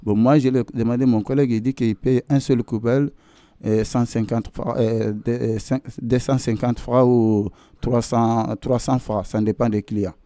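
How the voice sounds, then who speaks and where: Warm-voiced man recounting a workplace dispute. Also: medium pitch, moderate pace, no room sound. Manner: animated, re-enacts arguments, repeats himself. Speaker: worker telling his story. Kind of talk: personal testimony.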